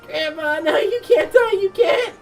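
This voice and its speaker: A streamer voicing a crying young girl begging her grandfather not to die, pleading in a high, strained voice. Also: lively intonation, measured pace, recorded from a distance, heavily acted. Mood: sobbing. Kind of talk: reading game dialogue aloud. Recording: voice set back from mic, game music behind.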